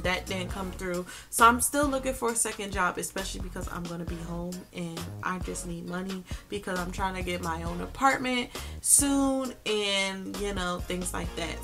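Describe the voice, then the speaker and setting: A young woman giving a casual life update on her vlog, chatty and full of "like"s, tearful at times. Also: medium pitch. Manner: chatty, filler-heavy talk with many "like"s. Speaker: vlogger.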